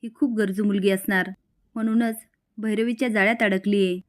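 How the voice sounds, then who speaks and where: A woman's voice: medium pitch, steady tone, moderate pace, close to an everyday voice. A woman reading the lines of a bitter, scheming older woman in a serial recap.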